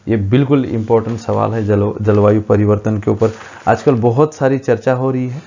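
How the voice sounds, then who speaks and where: A man's voice: fairly low pitch, fairly even intonation, normal speed, vocal fry, dark tone, muffled recording. A man teaching a current affairs lesson for exam preparation, reading quiz questions and explaining the answers at a board with frequent hesitations.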